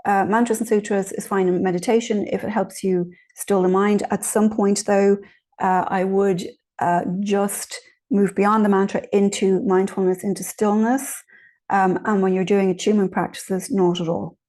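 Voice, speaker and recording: Woman, spiritual teacher, relaxed warm tone, medium pitch, conversational, encouraging, informal lesson. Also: moderate pace. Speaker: spiritual teacher answering participants' questions. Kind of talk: informal guided teaching on meditation.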